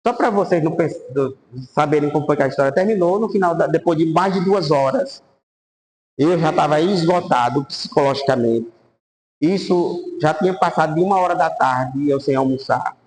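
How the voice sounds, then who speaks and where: Man, priest, lively storytelling, highish voice. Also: moderate pace, rough recording. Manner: animated anecdotes, voice rising and falling. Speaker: priest teaching a Bible course.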